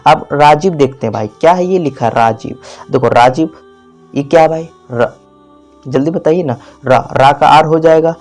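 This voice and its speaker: A man's voice: on the high side, moderate pace, a little mellow, faint music behind. A man giving a spelling lesson, repeating words and quizzing the viewer, stretching out vowels. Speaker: teacher. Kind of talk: classroom-style spelling lesson.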